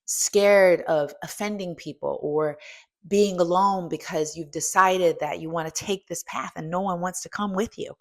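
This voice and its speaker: A woman in her fifties, a strength coach and host, speaks at a measured pace in a fairly low voice. Her coaching talk is motivational and emphatic, with questions aimed straight at the listener.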